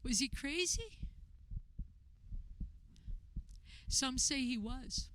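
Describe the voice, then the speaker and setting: A woman acts out a tender, grieving mother in a radio play, remembering her son. Her voice sits fairly high and moves very slowly, pausing as she reflects. The delivery is intimate and conversational, over noticeable background noise. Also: animated, fairly bright tone. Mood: earnest. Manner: intimate, reflective storytelling with hesitant pauses. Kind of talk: dramatic monologue, conversational radio theater.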